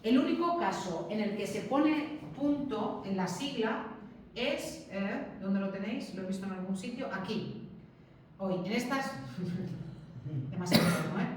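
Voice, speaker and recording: A woman's voice: medium pitch, animated, measured pace, distant mic. A woman from teaching a classroom lesson on punctuation, explaining patiently and often checking in with tag questions. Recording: very echoey room, voice from afar, faint background noise.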